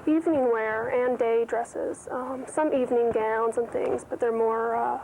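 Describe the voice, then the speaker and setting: American woman in her 20s chatting as a tv guest, highish voice, old tape with clear hiss. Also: steady tone, measured pace, darkish tone. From United States. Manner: casual, answers in loose run-on sentences. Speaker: fashion designer guest. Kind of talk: studio interview. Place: TV studio. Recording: noisy early-1990s TV audio.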